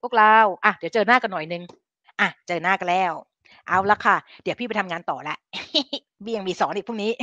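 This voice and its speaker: A woman's voice: mid-range voice, a bit bright, no echo. A middle-aged woman hosting a casual live stream, chatting with viewers like an older sister about health habits and dropping English science terms into her talk. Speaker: live-stream host giving health advice. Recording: dry, slightly dull live-stream audio.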